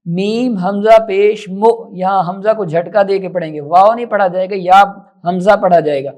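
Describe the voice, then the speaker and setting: A man teaching Quran recitation, mixing brisk explanation with slow, drawn-out recited words. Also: high-pitched, darkish tone. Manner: measured, instructive. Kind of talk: tajweed lesson.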